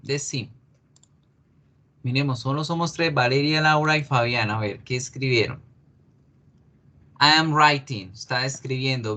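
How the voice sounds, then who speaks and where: A male English teacher giving a class, explaining patiently, repeating key words slowly and asking students questions. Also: medium pitch, bright, forceful tone.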